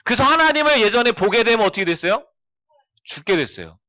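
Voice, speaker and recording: A man's voice: sits high, very animated, fast talker, pushed and bright, no echo. A man giving a children's sermon, constantly asking the kids questions and answering them himself. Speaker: children's pastor.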